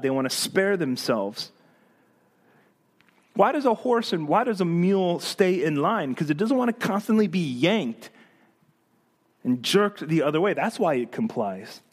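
A male pastor preaching a sermon in an animated, emphatic way, acting out the voices of the people he quotes. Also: fairly high pitch.

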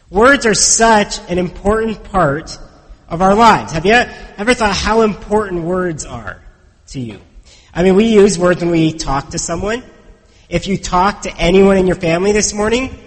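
In a church, a male pastor gives a conversational sermon, frequently putting questions to the congregation while hoarse and congested from a head cold. His voice is high, the sound is big and roomy, and the recording is rough.

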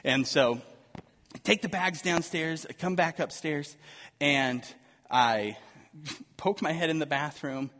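Animated man telling a story in a hall. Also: on the high side, takes it slowly, long pauses, slight background noise. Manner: animated, self-deprecating, laughing through the story. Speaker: speaker telling a personal story. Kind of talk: storytelling talk to an audience.

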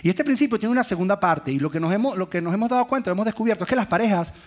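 High-voiced man preaching a family sermon. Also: expressive, rapid-fire. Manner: storytelling with acted-out quotes and laughs. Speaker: pastor.

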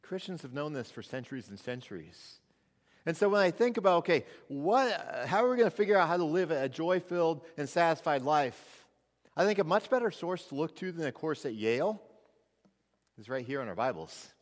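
A man's voice: fairly high pitch, very animated, fairly quick. A male pastor preaching a sermon at a pulpit microphone in a church, speaking conversationally with frequent restarts. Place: church sanctuary. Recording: long reverb of a church hall.

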